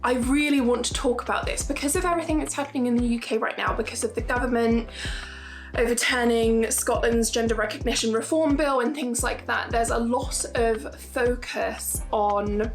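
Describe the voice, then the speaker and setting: Speaking straight to camera in a casual vlog, a YouTuber in her twenties makes her points earnestly and emphatically, repeating them for stress. Her high-pitched voice holds a steady tone at a moderate pace, with soft music in the background.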